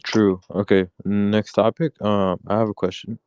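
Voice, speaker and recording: A man with a very deep voice retells a story with amusement and stops and starts as he talks. The sound is dry and close. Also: level tone, darkish tone, clear, resonant tone, no echo, muffled recording. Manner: amused retelling, halting, trails off. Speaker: Discord voice chat participant. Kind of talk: casual anecdote and chat.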